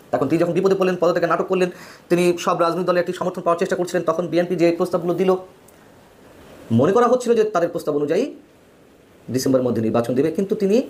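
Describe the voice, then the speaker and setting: A man giving opinionated political news commentary, emphatic, with his pitch swinging widely between phrases. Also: a little mellow.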